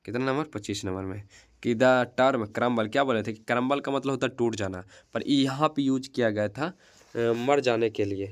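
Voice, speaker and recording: A man's voice: mid-range voice, normal speed. A young man teaching an English poem in Hindi, drilling exam answers by chanting key terms over and over and mixing English words into his explanations. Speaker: coaching center teacher.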